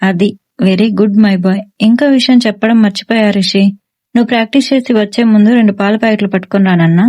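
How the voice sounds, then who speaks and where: A woman's voice: mid-range voice, a little fast, natural voice. Woman reading as a stern scolding police father. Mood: coaxing. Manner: scolding, shouting orders. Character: stern pot-bellied police officer father, middle-aged man.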